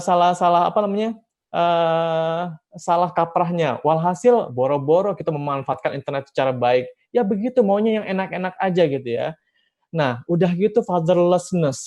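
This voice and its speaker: A man with an Indonesian accent and a slightly high voice gives a seminar talk to parents and teachers. He speaks with energy, keeps asking himself questions and then answering them, and now and then acts out little snatches of dialogue. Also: highs cut off. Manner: lively, emphatic, with rhetorical questions and acted-out quotes.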